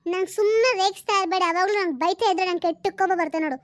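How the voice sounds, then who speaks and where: A woman's voice: very high-pitched, rapid-fire, no echo. A woman voicing a vain, defiant married elder daughter in a cartoon family drama. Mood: angry. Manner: defiant, sulky.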